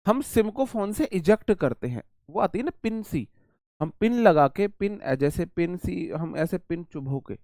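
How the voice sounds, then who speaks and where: Fairly high in pitch, gravelly and a little mellow, the man's voice carries no echo. Running a live online English vocabulary class, he chats and repeats words while explaining memory tricks and replying to the chat.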